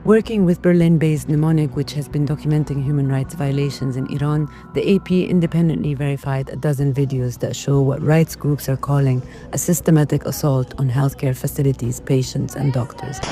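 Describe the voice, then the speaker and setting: Woman, scripted news voice-over, mellow warm timbre, soft music behind. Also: a bass voice, steady tone, brisk, hardly any pauses. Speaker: news narrator.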